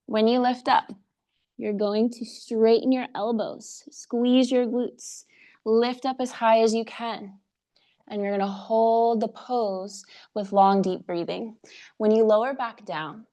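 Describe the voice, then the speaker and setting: A woman teaching a live online yoga class, giving calm step-by-step cues for breath and poses, a little out of breath as she demonstrates. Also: medium pitch, measured pace. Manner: slightly out of breath while demonstrating. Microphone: video call.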